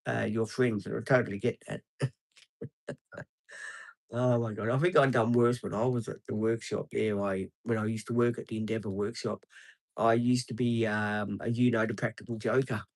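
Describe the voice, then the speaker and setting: A man's voice: on the low side, flat delivery, moderate pace, vocal fry, no room sound. A man, live streaming outdoors beside traffic and chatting casually with viewers, rambling with many ums and answering people by name. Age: 50s.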